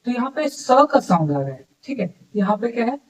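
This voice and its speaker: A man teaching English pronunciation in a lesson, saying example words slowly and repeating them, often checking with a quick "okay". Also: extremely high pitch, sing-song, far from the mic, low-quality recording. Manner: explains sounds slowly, repeats words, keeps checking with "ठीक है". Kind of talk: classroom-style lesson.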